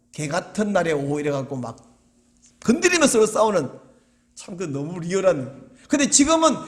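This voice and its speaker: A middle-aged man, a pastor, preaching a Sunday sermon and acting out the quoted voices as he goes. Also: high voice. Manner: animated, acts out quoted voices.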